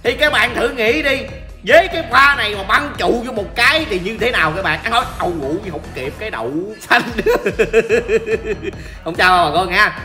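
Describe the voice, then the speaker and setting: Man, Southern Vietnamese accent, streamer, gameplay commentary, joking, animated pitch, faint background music. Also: fairly quick. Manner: joking, teasing, chatty with viewers. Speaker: gaming streamer.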